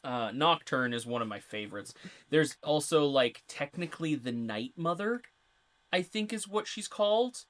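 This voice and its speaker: A man's voice: a little high, lively intonation, moderate pace, a bit bright. Male podcast co-host, casual, rambling lore explainer. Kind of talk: casual chat.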